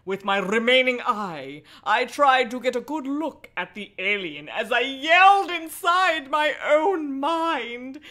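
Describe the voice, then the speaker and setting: Fairly high-pitched and sharp, this woman's voice carries a casual livestream where she reads from a book in a mocking, dramatic way. She's playful and irreverent, swears, and keeps breaking off into chatty asides.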